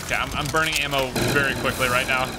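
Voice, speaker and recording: A young man streaming a game from a room at home, chatting casually and animatedly with joking repetition, loud game music behind him. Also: mid-range voice, quick pace. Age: young adult. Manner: animated, joking, repeats phrases. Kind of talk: excited gameplay commentary, casual chat.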